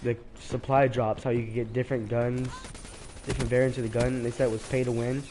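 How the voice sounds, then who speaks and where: A teenage boy, sick and congested with a stuffy voice, streams himself playing a shooter while rambling through casual commentary. He talks briskly in a flat, mid-range voice, hesitant and full of restarts, with background noise behind him.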